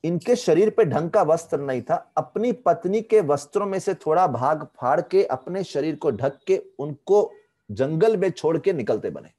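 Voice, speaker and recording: Animated male storyteller on a video call. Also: on the high side, moderate pace. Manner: animated, mixes English phrases in. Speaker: spiritual teacher. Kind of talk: devotional storytelling lecture.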